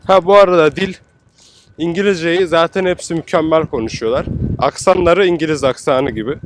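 Recorded with poor audio, a man with a mid-range voice films a casual walking travel vlog outdoors in a windy seaside city. He's chatty and slangy, exclaiming at what he sees.

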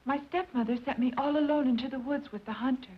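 A young woman playing a gentle, innocent princess in an old fairy-tale film. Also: high-pitched, fairly even intonation, fast, husky. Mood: gentle, earnest. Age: young adult. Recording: dull old film soundtrack.

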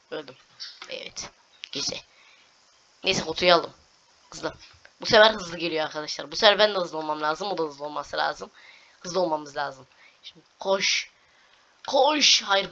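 A young woman chatters through a video game, excitable and coaxing the game aloud, repeating herself as she plays. Her voice is bright and fairly low, and it comes through a dull lo-fi mic with a faint hiss. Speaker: gameplay streamer. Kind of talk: casual gameplay commentary.

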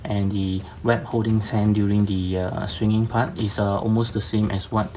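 A man casually reviewing toys in halting, hesitant speech, slightly slurred by a mouth numb from dental work. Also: fairly low pitch, flat delivery, dark tone, slight background noise. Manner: halting, hesitant, many long filled pauses. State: half of face numb after tooth operation. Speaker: toy reviewer. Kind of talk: casual unscripted review narration.

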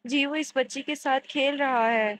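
A woman reading a gentle timid mother. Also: sits high, steady tone, a little hiss or hum, low-quality recording. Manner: soft and hesitant.

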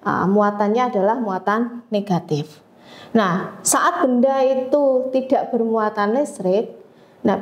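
A woman teaching a physics lesson, explaining step by step with frequent pauses and fillers. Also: mid-range voice, darkish tone, dull audio. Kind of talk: classroom lecture.

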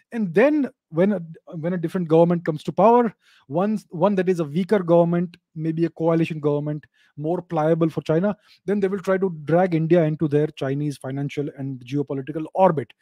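A middle-aged man hosts a live geopolitics Q&A from his home study and works through each point in a steady, measured way. His voice sits a little high for a man but has a mellow, dark colour. The close studio mic keeps it dry, with almost no room sound. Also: no echo. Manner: measured, explanatory, repeats key points. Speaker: host answering live video call questions. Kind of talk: live video chat Q&A on geopolitics. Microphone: studio mic on a boom arm, close.

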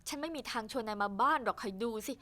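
Brief: bright-toned, high, fast-talking clever young heroine, brisk comebacks. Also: female voice. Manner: brisk, sharp retorts. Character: sharp-tongued, clever young woman. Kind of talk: Thai dubbing of a TV drama.

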